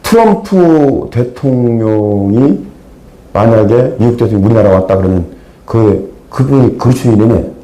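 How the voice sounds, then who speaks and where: Male pastor, lively dramatic sermon delivery, echoey sanctuary sound. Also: medium pitch, normal speed. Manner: animated storytelling, acts out characters, sudden loud outbursts. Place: church sanctuary. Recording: echoey church hall.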